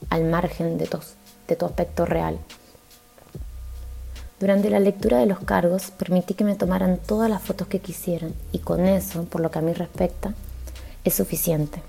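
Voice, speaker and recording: A woman podcast host reading a book aloud in a steady, measured first-person voice. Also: on the low side, gravelly. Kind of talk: audiobook-style reading.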